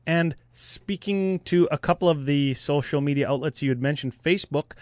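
A man's voice: fairly high pitch, moderate pace, a little mellow, dry recording, clean studio sound. A man co-hosting a podcast, easygoing and casual, walking through a giveaway and show plans. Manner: easygoing, runs the giveaway details. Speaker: podcast co-host.

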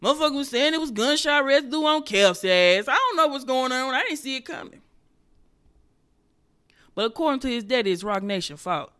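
A woman comedian hosting her podcast alone, ranting in loud, profane, animated bursts that sometimes drop to a whisper. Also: high-pitched, brisk, clean tone. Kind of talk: solo comedic rant.

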